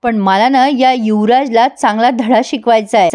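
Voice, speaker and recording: A woman's voice: fairly high pitch, moderate pace, a little mellow, natural voice. A woman voicing a confident young woman who encourages and reassures her friend. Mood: encouraging.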